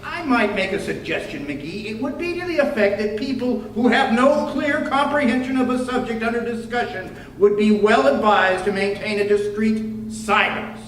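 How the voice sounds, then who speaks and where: Male actor as stuffy, long-winded, easily riled mayor for vintage radio comedy; strikingly high voice, echoey hall sound. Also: fairly bright tone, recorded from a distance. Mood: stuffy, reproving. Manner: stuffy, wordy, halting. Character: pompous, formal male small-town mayor, easily exasperated. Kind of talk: old-time radio comedy acting before an audience. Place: clubhouse hall, live radio play performance. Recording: echoey live hall, off mic, noisy.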